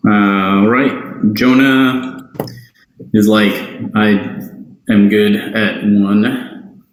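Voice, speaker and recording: A man running a tabletop game as game master, unhurried and hesitant with frequent ums. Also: fairly low pitch, level tone, echoey room, slight background noise, rough recording.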